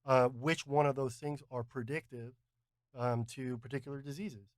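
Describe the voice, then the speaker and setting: A man co-hosting a podcast, explaining ideas in a measured way with frequent "um" and "uh". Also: mid-range voice, steady tone, no room sound, studio quality. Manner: measured, with many "um" and "uh" fillers. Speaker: podcast co-host. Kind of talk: casual explanatory chat.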